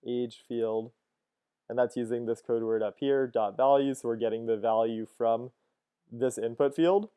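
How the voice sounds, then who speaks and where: Casual thirties male teacher, smooth mellow voice, walks through code aloud. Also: medium pitch, steady tone, a little slow. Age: 30s. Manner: casual, thinks aloud with frequent "uh" and "cool, cool". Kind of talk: screen-recorded coding lesson.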